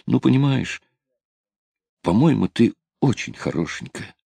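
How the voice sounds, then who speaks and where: A man's voice: mid-range voice, very animated, measured pace, gravelly, mellow, breathy edge, no room sound, voice pushed up, full character voice. A man reading an audiobook, voicing an eager, awkward young sailor who is pushy and flustered.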